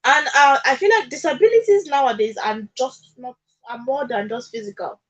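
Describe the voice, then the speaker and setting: Heard in a low-quality recording from a radio studio, this Nigerian woman speaks as a guest on social issues, her high-sitting voice moving at a moderate pace. She argues her case conversationally and emphatically, restating points and making sure listeners follow her.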